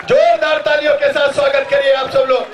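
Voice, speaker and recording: A man announces at a political rally, exhorting in repeated phrases at a very high, unvarying pitch. He sounds distant and echoing over a noisy crowd. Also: level tone, fairly quick. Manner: repetitive, exhorting, reverential. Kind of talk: shouted political rally introduction.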